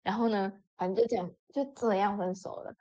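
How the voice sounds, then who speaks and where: A woman telling a story in a casual chat with lots of expression, jumping up in pitch when she voices her friends. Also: fairly quick. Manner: animated, acts out friends' lines with sudden pitch jumps. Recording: dull lo-fi audio.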